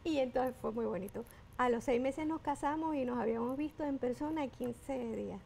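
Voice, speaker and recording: Interview guest: woman in her 50s, high-pitched and gravelly, Puerto Rican accent with a Panamanian tinge, effusive. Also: moderate pace, a little hiss or hum. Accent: Puerto Rican Spanish blended with Panamanian. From Puerto Rico. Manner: effusive, expressive storyteller. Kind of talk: casual interview talk.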